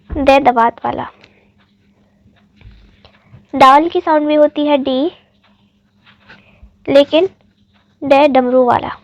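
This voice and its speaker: Slow, high-voiced woman teaching letters. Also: no room sound. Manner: spells out letters one by one, patient and deliberate. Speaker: Urdu teacher. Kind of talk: slow alphabet lesson.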